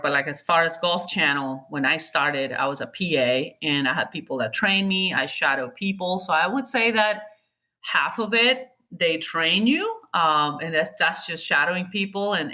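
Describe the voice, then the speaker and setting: A woman's voice: low-pitched, normal speed, pushed and bright. A woman in her forties from Colombia, speaking, chatting candidly as an interview guest and often correcting herself mid-sentence. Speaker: guest, golf TV producer. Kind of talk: casual interview chat.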